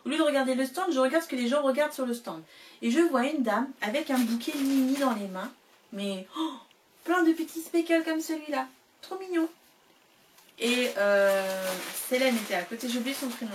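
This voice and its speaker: A woman's voice: fairly high pitch, brisk, distant mic, a little hiss or hum. A woman chatting casually to the camera about yarn she bought, with many fillers and small laughs. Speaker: knitting vlogger showing yarn purchases.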